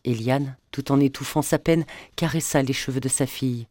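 With a medium-pitched voice, a man narrates a novel as an audiobook, following a script in an even, measured storytelling style. The recording is dry and studio-clean.

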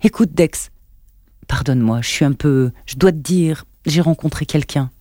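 A man reading an audiobook, voicing a quick-tempered, guarded woman in her thirties with a lifted voice. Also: on the high side, mellow, no echo, studio quality, natural voice. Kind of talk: audiobook narration.

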